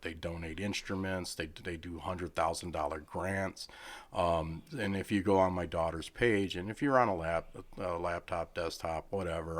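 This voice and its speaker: A middle-aged man, a charity head, telling a story in casual chat and acting out the people he quotes with lively swings in pitch. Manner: animated, acts out quoted people with raised pitch.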